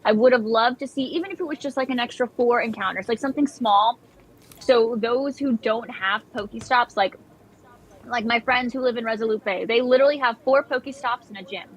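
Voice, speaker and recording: A woman's voice: on the high side, brisk, husky. A woman guesting on a casual livestream chat, talking eagerly in long rambling runs. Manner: eager, rambling, many fillers and restarts.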